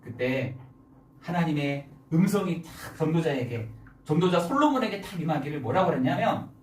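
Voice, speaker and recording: Rich: A pastor delivers a Sunday sermon with a lively voice that rises and falls a great deal, firing rhetorical questions at the congregation. The voice rings through a roomy church hall, picked up from some distance off the mic. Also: medium pitch, moderate pace. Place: church sanctuary.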